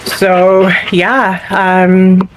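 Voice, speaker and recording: A woman's voice: mid-range voice, flat delivery, extremely slow, a little hiss or hum. Brief: woman vlogger, mid-range voice, chatty and rambling, talking to viewers on a phone at home. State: a little out of breath at times. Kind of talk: casual vlog chat. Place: at home in a cluttered bedroom.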